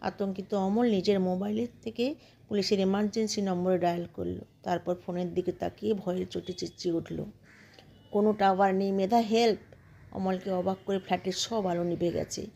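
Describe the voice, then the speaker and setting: Mellow woman narrating a story. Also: medium pitch, gravelly. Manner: steady, measured storytelling. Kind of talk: scripted narration.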